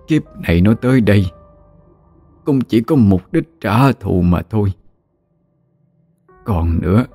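A man voicing a dying old grandmother in a ghost story, in a soft, weary, slow voice. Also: on the low side, no echo. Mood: pleading. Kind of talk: audiobook character reading.

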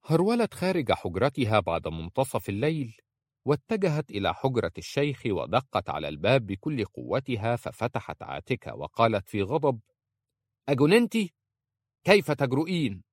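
Low-voiced male audiobook narrator. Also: very animated, brisk, no echo, studio quality. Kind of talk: scripted narration.

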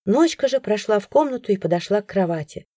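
A woman narrating a first-person audiobook in an expressive storytelling manner. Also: mid-range voice, quick pace, no echo, studio quality.

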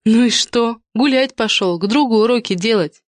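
A woman's voice: fairly high pitch, normal speed, dry recording, voice pushed up, close to an everyday voice. A woman voicing an anxious middle-aged mother who pleads and moans. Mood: defensive. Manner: pleading, moaning.

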